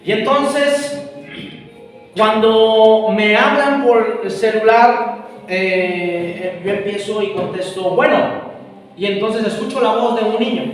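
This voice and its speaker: A man's voice: high voice, far from the mic. A man preaching a sermon, telling a story with animation and acting out both sides of a phone call. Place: church hall. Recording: echoey hall, voice from afar.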